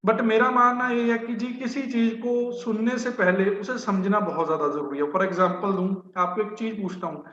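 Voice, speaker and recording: A man's voice: high-pitched, moderate pace, few pauses, a bit bright. A man gives a business training talk, speaking conversationally with many fillers. The recording is roomy and dull.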